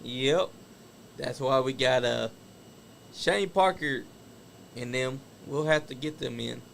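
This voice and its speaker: With a gravelly, mid-range voice and an unhurried pace, a man runs a casual wrestling talk show. He's chatty and opinionated as he discusses old match footage, and he laughs at the stories. A bit of background noise comes through.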